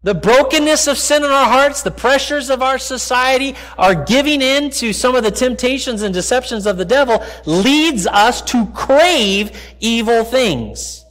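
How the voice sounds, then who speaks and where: A man's voice: very high-pitched, lively intonation, measured pace, few pauses, fairly bright tone. A middle-aged American man giving a sermon as a pastor, conversational and explanatory, often stepping aside to address his listeners. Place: large church sanctuary, speaking from the stage.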